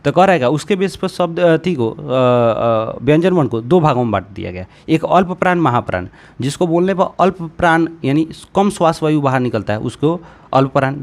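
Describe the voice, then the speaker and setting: A young man teaching a grammar lesson, explaining patiently step by step and checking in often with his students. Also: medium pitch.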